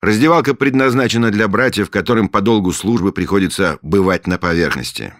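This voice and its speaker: A man's voice: fairly low pitch, fairly quick, no echo, studio quality, pitched above the performer's own voice, lightly acted. A man voicing a grandiose middle-aged leader of a secret order, who speaks in solemn, imperious pronouncements. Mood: pompous. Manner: solemn, imperious pronouncements, later loud and hearty. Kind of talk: audiobook character voice.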